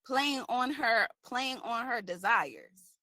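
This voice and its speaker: A woman gives a casual devotional message in a bright, forceful voice, tagging her points with quick questions to her listeners. The sound is close and dry, with no room around it. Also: fairly high pitch, animated, no room sound. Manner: conversational preaching, frequent "right?" tags. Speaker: faith-based women's coach. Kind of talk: informal devotional talk.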